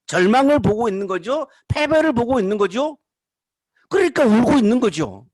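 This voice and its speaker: Male pastor, high lively voice, emphatic preaching with rhetorical questions, dry recording. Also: normal speed, dry recording. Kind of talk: sermon.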